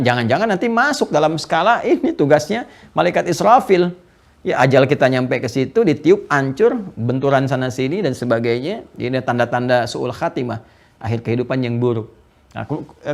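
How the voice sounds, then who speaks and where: Male preacher, rapid delivery, gravelly, animated lecture style. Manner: animated, jumps high in pitch with laughs and asides. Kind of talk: lively religious lecture.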